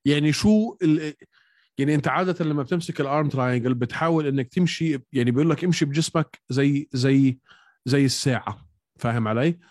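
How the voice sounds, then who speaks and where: A man's voice: a little high, quick pace, darkish tone, no room sound, studio quality. A man with a Levantine Arabic accent co-hosting a casual sports chat, explaining technique in everyday words. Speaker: co-host of an MMA podcast.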